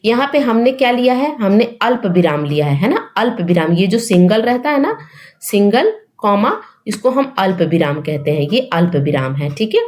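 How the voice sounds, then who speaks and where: A woman's voice: medium pitch, big pitch swings, normal speed, a little mellow. A young woman teaching an exam-prep grammar lesson, explaining step by step and asking rhetorical questions.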